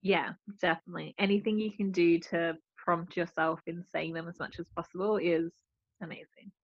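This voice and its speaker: Lower-voiced woman guest, dull lo-fi sound. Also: steady tone, moderate pace, no room sound. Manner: explanatory, thoughtful, frequent "like" fillers. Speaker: podcast guest. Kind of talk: casual interview chat. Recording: dull lo-fi audio.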